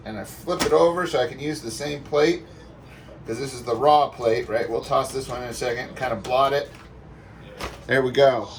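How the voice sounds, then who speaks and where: A man giving a casual, folksy cooking demonstration in a playful way, as a home cook talking viewers through a recipe. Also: medium pitch. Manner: folksy, playful sound words and exclamations. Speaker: home cook presenting a cook-along. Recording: distant mic, faint background noise.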